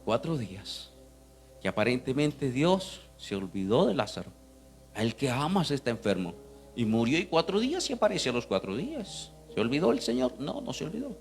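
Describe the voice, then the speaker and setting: A male pastor preaching a fervent sermon, swinging from hushed to loud and calling out to the congregation. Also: mid-range voice, very animated, normal speed, gravelly, faint music behind. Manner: calls out to the congregation.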